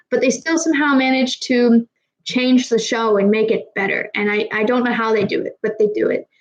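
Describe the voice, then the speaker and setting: A young woman from Kazakhstan streams to a live audience, answering chat while slightly tipsy. Her voice is a little high, she rambles and swears freely, and she struggles to pronounce her R's. The audio quality is poor.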